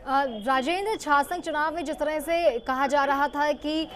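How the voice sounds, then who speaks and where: A woman's voice: high voice, moderate pace, fairly bright tone, slight background noise. A female news anchor presenting a live bulletin and formally questioning a reporter.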